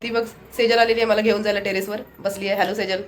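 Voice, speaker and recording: Brief: woman vlogger, Konkan Marathi accent, brisk chatter to a phone camera. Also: medium pitch, flat delivery, slight background noise. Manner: chatty, shows things to the camera. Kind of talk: casual daily vlog narration. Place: family home, indoors.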